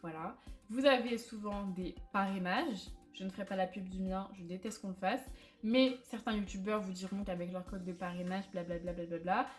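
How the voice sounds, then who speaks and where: A woman's voice: medium pitch, moderate pace. A young woman vlogging in a casual, candid way, chatty and self-mocking, with lots of fillers. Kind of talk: casual chat to camera. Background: faint background music.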